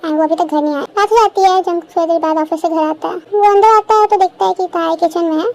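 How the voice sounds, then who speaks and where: A woman's voice: extremely high pitch, quick pace, darkish tone. A woman narrating a fan-made audio story in a plain storytelling manner, slipping English words into her sentences.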